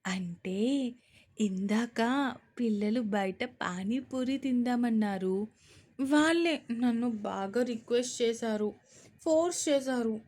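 A woman's voice: fairly high pitch, takes it slowly, darkish tone. Woman doing a strict young mom, scolding, stammers when cornered, audio story. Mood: flustered. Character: young mother, strict, easily flustered.

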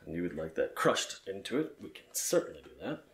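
Male ASMR gamer as courteous bartender, lowish voice, roomy echo, attentive service patter. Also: sing-song, fairly quick. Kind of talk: ASMR role-play game commentary.

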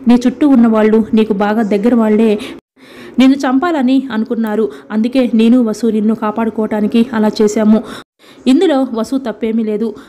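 A dying mother speaks to her son in a sorrowful, urging way, voiced by a woman narrator. The tone is dark and mellow, held flat. It comes from a retold soap-opera episode. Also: on the high side, normal speed, a little hiss or hum, natural voice. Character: dying middle-aged mother, sad and insistent.

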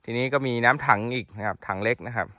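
A man in a chatty, affectionate mood keeps up a running vlog commentary while filming at a horse paddock. His voice is bright and forward, and the sound is dry with little echo. He talks loosely and warmly about his animals. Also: medium pitch, quick pace. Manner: chatty, affectionate, many polite particles. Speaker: horse breeder and channel host. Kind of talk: casual outdoor vlog commentary. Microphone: handheld phone.

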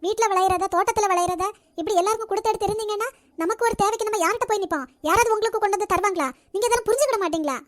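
A sarcastic, grasping cartoon housewife, played by a woman who complains in a Nagercoil Tamil accent. Her voice is extremely high and the talk rushes along. The sound is dry and close. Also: no echo. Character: sharp-tongued, grasping middle-aged housewife. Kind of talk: cartoon voice acting.

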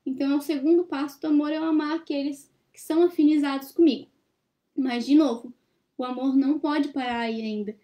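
Young woman, study-group presenter; high and warm, reflective and questioning, laptop webcam in a small room. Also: fairly even intonation, brisk. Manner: thoughtful, questioning the listeners. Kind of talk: reflective teaching talk. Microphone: laptop webcam on a video call.

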